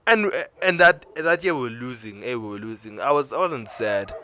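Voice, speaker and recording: A man's voice: mid-range voice, expressive, moderate pace, bright, forceful tone, slight background noise. A young man with a South African accent telling a personal story to camera, emotional and repeating himself, switching between English and Zulu mid-sentence. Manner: emotional, restarts and repeats himself while recounting. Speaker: vlogger.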